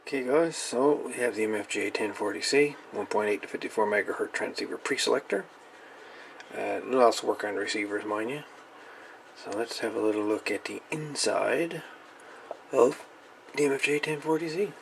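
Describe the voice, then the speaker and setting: A radio hobbyist reviewer with a lowish voice and vocal fry speaks at a moderate pace, casually opening up a radio gadget at a repair bench. He's easygoing, thinking aloud with mumbled asides, and a little hiss or hum is audible.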